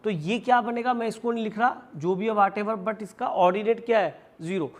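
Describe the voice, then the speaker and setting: A man lectures on maths in a classroom with a high-pitched voice at normal speed, working through each step and posing questions he answers himself. He addresses students fondly as "beta" and, in an Indian accent, mixes English math terms into his Hindi.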